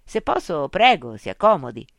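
A woman's voice: sits low, very animated, moderate pace, vocal fry, dry recording, studio quality, exaggerated voice. A woman doing an informal woman illustrator. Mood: casual.

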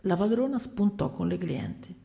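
A woman reading a short story aloud in an expressive storytelling manner. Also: lowish voice, moderate pace, creaky.

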